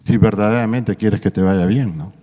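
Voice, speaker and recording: Exhorting preacher in a reverberant hall. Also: male voice, fairly low pitch, normal speed, warm tone. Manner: exhorting, addresses listeners as brothers, frequent tag questions. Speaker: pastor. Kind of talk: sermon at a marriage workshop. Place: church hall.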